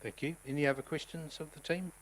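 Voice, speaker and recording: A man who chairs a local council meeting as mayor. He has a New Zealand accent, talks in a relaxed way with many ums, and speaks up when he calls the votes. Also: a little high, fast talker, a little hiss or hum, poor audio.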